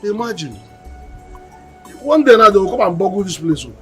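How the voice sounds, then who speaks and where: A man's voice: high voice, big pitch swings, normal speed, faint music behind. An actor playing a curt man dismissing visitors. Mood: dismissive. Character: dismissive man ending an interview.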